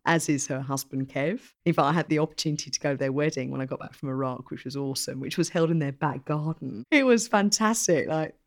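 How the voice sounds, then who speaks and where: A woman's voice: very deep voice, vocal fry. Female interviewee, middle-aged. Reflective, sincere conversational delivery with weighted repetition. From Essex, England. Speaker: podcast guest, journalist and army reservist.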